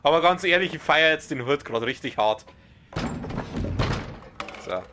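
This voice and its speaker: Against a noisy background, a young Bavarian-accented let's play streamer commentates his game live in a voice on the high side. It's loud and strong, sometimes sounding like shouting even in regular talk, and he's excitable and quick to swear at the game.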